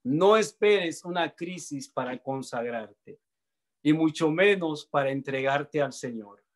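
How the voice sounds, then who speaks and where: A man preaching a sermon and reading scripture aloud, with slow delivery and dramatic pauses that swing between loud and soft. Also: on the high side, animated.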